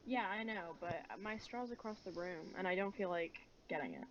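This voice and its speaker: A woman's voice: lowish voice, a little fast, slight background noise. Woman talking into a cup, muffled. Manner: rambling, filler-heavy, chatty. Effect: voice muffled and echoey from talking into a cup. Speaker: podcast co-host. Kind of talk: casual chat.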